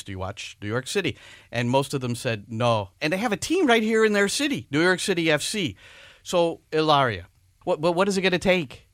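Man, radio sports host, jovial banter, mid pitch, dry studio sound. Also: a bit bright, no echo.

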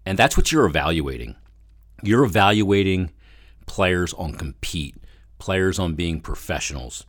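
A man's voice: low voice, expressive, unhurried, no room sound, studio quality. A man hosting a sports podcast, giving conversational solo commentary and repeating phrases for emphasis.

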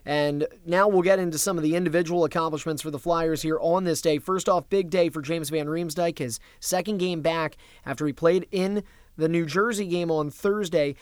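A man's voice: fairly high pitch, steady tone, moderate pace, smooth, no room sound, clean studio sound. A man hosting a sports recap, talking through a hockey game in a conversational way.

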